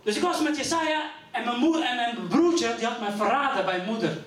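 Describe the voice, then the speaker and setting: A man's voice: extremely high pitch, a little fast. A middle-aged man from Rotterdam telling stand-up stories on stage, acting out the voices of his family. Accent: Rotterdam Dutch. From Netherlands. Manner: animated storytelling, acting out voices. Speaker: stand-up comedian. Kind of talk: live stand-up comedy. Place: community venue stage before an audience. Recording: roomy live hall, mic at a distance.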